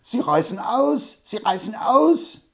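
A man reading an audiobook, voicing an excitable, boastful older man who gets angry fast and speaks shrill and loud. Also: creaky, exaggerated voice. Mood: agitated.

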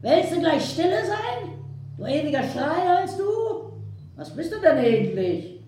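A woman voicing a furious, sharp-tongued older woman, scolding shrilly, recorded far from the mic in an echoey room. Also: sing-song, a little slow, faint music behind, heavily acted. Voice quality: shrill, scolding, dialect-tinged.

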